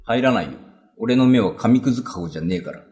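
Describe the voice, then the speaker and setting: A man's voice: mid-range voice, lively intonation, fast, darkish tone, lightly acted. A man playing a broke male carpenter who gambles, talking in casual, coaxing street speech in a rakugo story. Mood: offhand.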